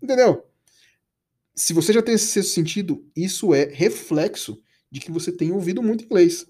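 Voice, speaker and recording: A man's voice: high voice, lively intonation, moderate pace, mellow, breathy edge. A man from Brazil teaching English in a casual, chatty podcast lesson, coaxing listeners with slangy asides.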